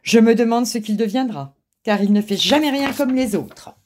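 A woman's voice: fairly high pitch, moderate pace, darkish tone, slight background noise, pitched above the performer's own voice, close to an everyday voice. A woman voicing a young, headstrong female cat in a storybook reading, speaking firmly and with assurance. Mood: firm, bright.

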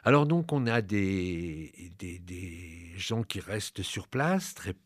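A man hosting a radio program, talking history unscripted, halting with fillers and restarts, adding a wry aside now and then. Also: deep voice, big pitch swings, dry recording, studio quality. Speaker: radio host. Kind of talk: unscripted history talk on music.

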